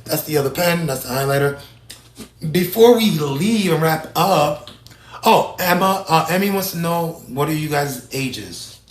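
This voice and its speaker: A man in his thirties hosting a casual talk show, energetic and rambling, often restarting his sentences. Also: a little high, unhurried, roomy sound, recorded from a distance, rough recording. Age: 30s. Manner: energetic, rambling, self-correcting. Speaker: host.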